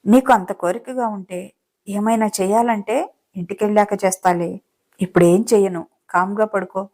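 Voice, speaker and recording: A woman's voice: mid-range voice, steady tone, normal speed, dark tone, natural voice. A woman voicing a rich young man in a romance audiobook, speaking with affectionate, playful coaxing. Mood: teasing. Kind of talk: audiobook character reading.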